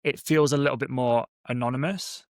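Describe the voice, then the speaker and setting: A man's voice: medium pitch, fairly even intonation, a little fast, no room sound, studio quality. A man in casual conversation as a guest, informal and agreeable, thinking aloud as he goes. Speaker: podcast guest and content creator.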